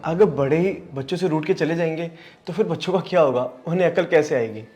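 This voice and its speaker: Young man acting an earnest, pleading younger brother, slightly high voice, faint music. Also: fast, a little mellow, natural voice. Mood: apologetic. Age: young adult. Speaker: younger brother in a family skit. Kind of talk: scripted family drama skit.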